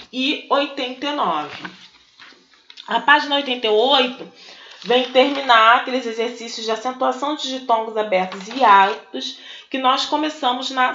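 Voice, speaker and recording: A Brazilian woman teacher talks at an unhurried pace in a bright, fairly high voice, working through exercises one by one. She asks questions and then answers them herself. The sound is dull and lo-fi, with a roomy echo. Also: a little hiss or hum. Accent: Brazilian Portuguese. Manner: slow, explanatory, asks and answers her own questions. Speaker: Portuguese teacher. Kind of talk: recorded online class, working through exercises. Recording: echoey room, dull lo-fi sound.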